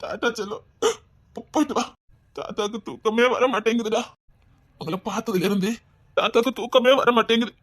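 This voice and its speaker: A performer with a Tirunelveli accent playing a tender, doting old grandfather in a comedy skit, talking slowly and fondly. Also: medium pitch, fairly bright tone, no room sound, lightly acted. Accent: Tirunelveli Tamil. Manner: slow, fond and pleading, breaking into sobs. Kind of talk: skit acting.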